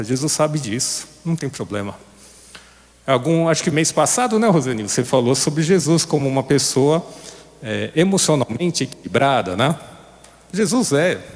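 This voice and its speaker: A man giving a conversational sermon to a recovery group, often turning to his listeners with questions. His pitch sits in the ordinary male middle. The long reverb of a church hall trails after his words. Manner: conversational, asks the audience questions.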